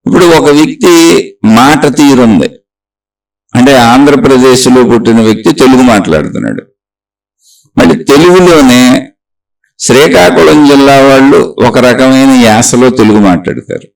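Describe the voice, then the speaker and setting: Man, spiritual teacher, gravelly voice, a bit off-mic, slow reflective discourse. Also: mid-range voice, animated, far from the mic, rough recording. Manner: slow, reflective, listing examples.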